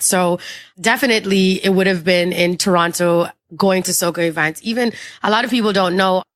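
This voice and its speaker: A woman's voice: fairly low pitch, a bit bright, no room sound, clean studio sound. A woman from Trinidad and Tobago in her thirties with a Trinidadian accent, chatting openly as an interview guest. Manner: chatty and open, lots of you-knows and likes. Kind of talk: casual interview conversation.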